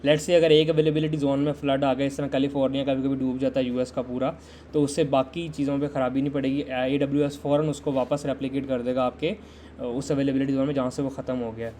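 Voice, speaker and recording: Male tech instructor for a live lesson. Conversational and steady with little pitch movement. Keeps putting questions to the viewers. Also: quick pace, a little hiss or hum. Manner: conversational, quizzes viewers and waits for chat answers. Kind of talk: live-streamed system design lesson.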